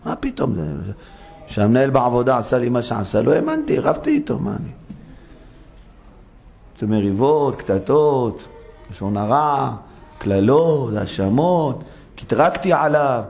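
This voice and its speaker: A man's voice: mid-range voice, huge pitch swings, gravelly, pauses often, a little mellow. A male rabbi giving a sermon in a synagogue, dramatic, acting out complainers through rhetorical questions. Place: synagogue study hall.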